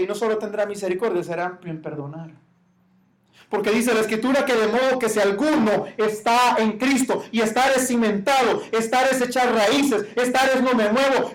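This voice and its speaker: Man preaching, high voice, building to fervent emphasis. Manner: preaching with rising shouted emphasis on quoted cries. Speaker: pastor. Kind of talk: sermon.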